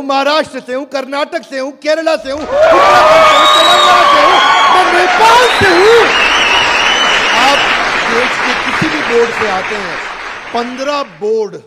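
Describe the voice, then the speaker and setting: A man giving an energetic motivational business speech to a live audience, rallying the crowd. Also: very high-pitched. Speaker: business speaker pitching an app. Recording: echoey hall with crowd noise.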